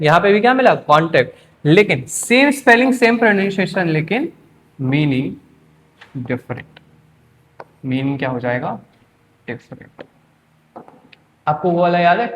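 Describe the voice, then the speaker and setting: A young man with a somewhat high voice gives an exam-prep English lesson. His is clear as he keeps quizzing students with rhetorical questions and answering them himself. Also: fairly bright tone, a little hiss or hum. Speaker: English teacher.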